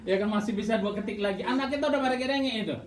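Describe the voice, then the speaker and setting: A woman giving an informal religious talk to mothers, lively and laughing, often asking her listeners questions. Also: fairly high pitch, rapid-fire, noisy background. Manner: lively, asks the audience often, frequent laughs. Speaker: religious speaker. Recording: echoey room, voice from far off, crowd behind.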